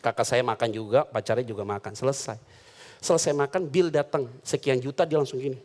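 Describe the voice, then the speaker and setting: A man's voice: mid-range voice, brisk. A man preaching a sermon, telling comic stories and acting out the people in them. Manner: animated, joking, acts out voices in anecdotes. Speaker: pastor. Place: church.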